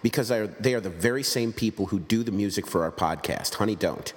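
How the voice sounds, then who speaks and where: A man's voice: on the low side, quick pace, big-room sound. A man hosting a podcast in casual chat, rambling and joking at his own expense. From United States. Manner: joking, rambling, self-deprecating. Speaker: podcast host.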